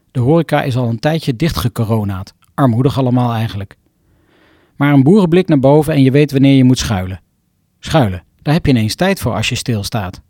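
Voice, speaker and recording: A man from the Arnhem area of the Netherlands, a rehabilitation doctor, reading his own scripted first-person story in a reflective, poetic, measured way. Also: mid-range voice, mellow, no room sound, studio quality.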